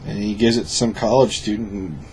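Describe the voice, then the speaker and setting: Drunk guy reviewing a movie, mellow low voice, sweary, bit of background noise. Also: fairly quick. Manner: profane. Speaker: film reviewer. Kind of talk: casual review chat.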